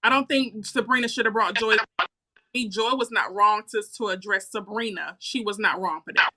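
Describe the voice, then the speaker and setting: Woman, podcast co-host, bright voice, questioning, pushes back, casual chat. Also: medium pitch, normal speed.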